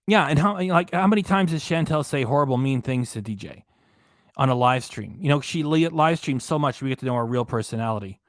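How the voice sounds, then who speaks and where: Reading chat during his reaction stream, this host is animated and fairly quick, his mid-range voice going hoarse as he repeats his indignant rant. A desk mic tucked behind an on-screen graphic picks him up. The recording is dry and of studio quality.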